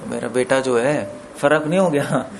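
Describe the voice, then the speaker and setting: A man's voice: medium pitch, a little slow, creaky, slight background noise. A man giving a scripture discourse as a preacher, explaining word meanings step by step and checking with listeners through questions. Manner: explains with questions to listeners, mixes in English words.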